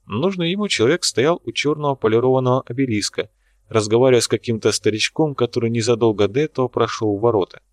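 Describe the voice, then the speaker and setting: A male narrator reading an adventure novel in an even, measured audiobook style. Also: mid-range voice, no echo, studio quality.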